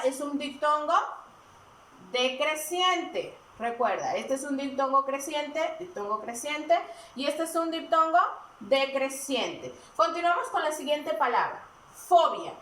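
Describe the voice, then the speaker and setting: A woman teaching a recorded grammar lesson, asking questions and answering them herself in a deliberate, step-by-step way. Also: sits high, a bit bright. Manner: slow and deliberate, asks and answers her own questions. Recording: echoey room, mic at a distance.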